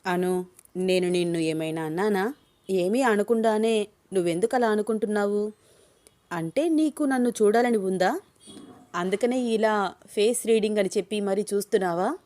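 A woman's voice: mid-range voice, normal speed, long pauses, a little mellow, lightly acted. A woman reading a story, voicing a young man who teases the woman he is falling for. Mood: teasing. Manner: playful, teasing questions. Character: young man, teasing, smitten office boss.

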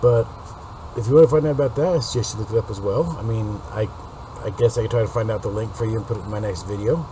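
A man in his late forties with a raspy smoker's voice, giving a casual, rambling update to viewers through a webcam. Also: lowish voice, quick pace. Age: late 40s. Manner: rambling, informal. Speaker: video host. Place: unfinished basement room. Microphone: webcam or laptop mic at desk distance. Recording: noisy webcam recording with background hum.

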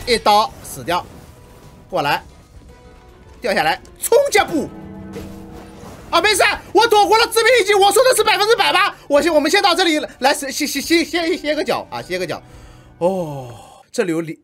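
Excitable woman shouting through gameplay. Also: mid-range voice, normal speed, faint music behind. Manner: excitable, shouts battle cries, laughs at herself. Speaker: gameplay streamer. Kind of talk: live game commentary.

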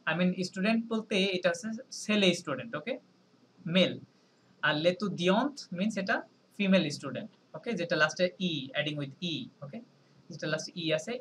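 A man teaching a French lesson on a video call, explaining slowly, spelling words letter by letter and often checking in with his students. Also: high-pitched, a bit bright, a little hiss or hum, low-quality recording. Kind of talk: online language lesson.

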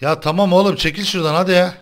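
A young man with a fairly high voice talks his way through a game, excitable and exasperated. He turns to his viewers to complain as he plays, in loose, casual chat. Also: rapid-fire. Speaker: gaming channel host.

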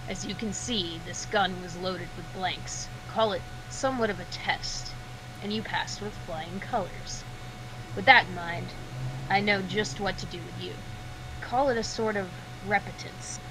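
A woman voicing a stern, pompous woman bail-bonds agent who speaks low, slowly and formally, in an amateur comic read-through. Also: noisy background, close to an everyday voice. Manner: low, measured and formal, fond of big words.

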